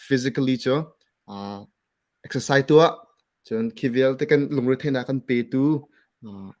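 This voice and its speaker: A man's voice: medium pitch, measured pace. A man speaking casually about church ministry, mixing English words into his talk. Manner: relaxed, mixes English words into speech.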